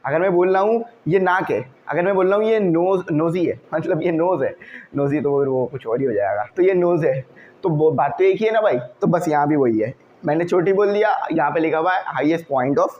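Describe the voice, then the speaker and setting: High-voiced male English teacher. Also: darkish tone, muffled recording, slight background noise. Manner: explains each word slowly, checks with "okay" and asks the class questions. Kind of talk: classroom vocabulary lesson.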